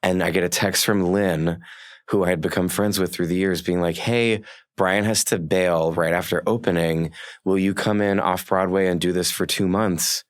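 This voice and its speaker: Deep-voiced man telling eager stories. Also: fairly even intonation, no room sound, clean studio sound. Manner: eager, quick anecdotes, quotes others. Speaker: guest, stage actor. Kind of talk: casual storytelling.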